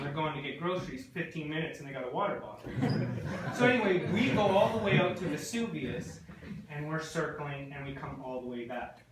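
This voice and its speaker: Guy in his 40s rambling thru a story, kinda high voice, lots of asides, boomy hall, mic far off, noisy. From British Columbia, Canada. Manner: rambling, digressive, with many asides. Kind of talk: live comic storytelling. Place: hall before an audience. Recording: echoey hall, distant mic, loud noise.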